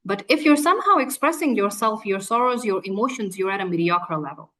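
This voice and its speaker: A woman teacher leads an online class over a video call at a middle pitch. She explains things patiently and switches between Urdu and English within a sentence. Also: animated, drawn-out words, a bit bright, low-quality recording. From Pakistan.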